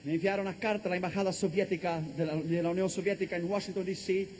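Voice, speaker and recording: High-voiced impassioned male preacher. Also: steady tone, fast, slight background noise. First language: Portuguese. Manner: impassioned, building to shouted preaching. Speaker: evangelist. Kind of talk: testimony sermon.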